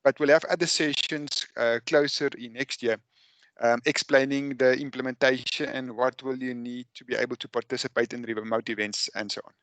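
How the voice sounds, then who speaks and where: South African man, webinar host on a video call, halting delivery, dry close sound. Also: mid-range voice, fairly even intonation, fairly bright tone, dry recording. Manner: halting, many fillers and restarts. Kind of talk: hosting an online webinar.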